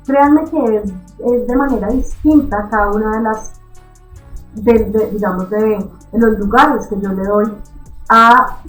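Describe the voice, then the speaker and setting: A woman teaching an online reading lesson in a lively, encouraging way, often checking in with her students. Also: a little high, roomy sound, poor audio. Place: recorded for an online class.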